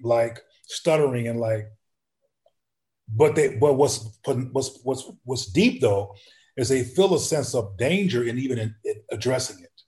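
A man's voice: mid-range voice, lively intonation, unhurried, warm tone. A man speaking as an activist guest in a conversational interview, thinking aloud with frequent restarts and acting out the questions he asks.

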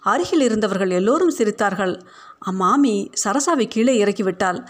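A woman narrating a short story in a measured, steady storytelling voice. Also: medium pitch. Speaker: story reader.

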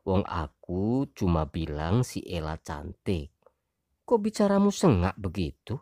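A woman voicing a weary young husband in an audio story, speaking low and measured. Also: sing-song, dark tone, dry recording, clean studio sound, exaggerated voice. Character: weary young husband, calm then heated.

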